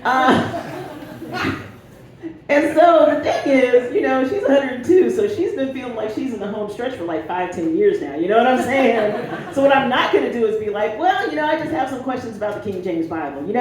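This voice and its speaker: A woman's voice: on the high side, lively intonation, moderate pace. A woman in her forties doing a stand-up comedy set, brash and conversational, teasing the crowd from a club stage. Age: 40s. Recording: roomy club with crowd laughter. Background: audience laughing.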